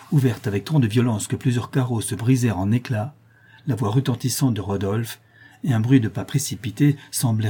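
Brief: man narrating a classic novel, mellow and husky, steady dramatic delivery. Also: on the low side. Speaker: audiobook narrator.

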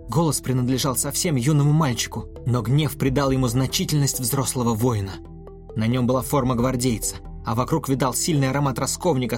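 A man's voice: mid-range voice, a little mellow. Male narrator reading a fantasy tale. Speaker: audiobook narrator. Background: faint music.

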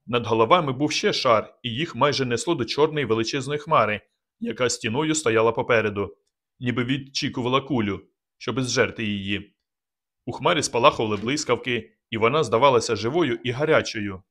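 A man narrating an audiobook in a calm, measured reading. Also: mid-range voice. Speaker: audiobook reader. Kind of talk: scripted narration.

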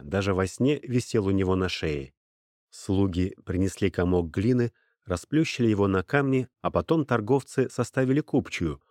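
A man reading an audiobook as narrator in an even storytelling manner. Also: on the low side, dry recording, studio quality. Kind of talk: scripted narration.

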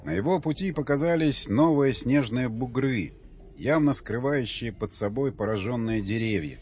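A man's voice: mid-range voice, expressive, normal speed, a little mellow, slight background noise. A man narrating an audiobook in a tense, dramatic reading. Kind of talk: scripted narration. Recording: dull lo-fi audio with faint music.

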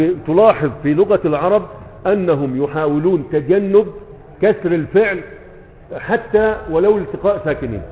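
A man with an Egyptian Arabic accent teaching a grammar text, explaining step by step and checking that students follow. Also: fairly high pitch. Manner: explains step by step, checking understanding with repeated "okay?". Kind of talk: classroom lecture reading and explaining a grammar text. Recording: tinny phone-like sound in a reverberant hall.

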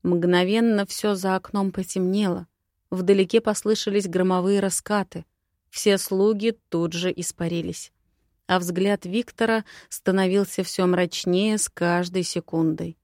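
Expressive woman reading an audiobook, dry. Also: fairly low pitch, a little slow, dry recording. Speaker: audiobook narrator. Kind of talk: first-person audiobook reading of a romantic fantasy.

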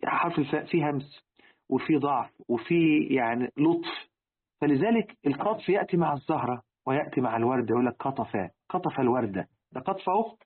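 A man's voice: medium pitch, expressive, quick pace, breathy edge. A man with an Egyptian accent gives a religious lesson on word meanings, asking his listeners rhetorical questions and repeating key words. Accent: Egyptian Arabic. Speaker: religious teacher. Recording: tinny, phone-like lo-fi recording.

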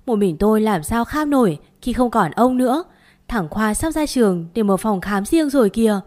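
A woman's voice: mid-range voice, lively intonation, a little fast, lightly acted. A woman voicing a grieving, furious older mother-in-law who wails and screeches insults. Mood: wailing grief.

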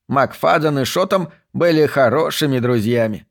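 A man voicing an excitable, talkative old male museum archivist who snorts as he speaks, in a raised voice. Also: medium pitch, normal speed, gravelly, voice pushed up, natural voice. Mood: eager.

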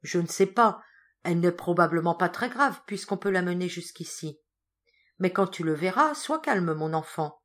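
A woman reading the part of a gentle motherly governess, speaking in a soothing but firm way in an audiobook. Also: on the low side, lively intonation, normal speed.

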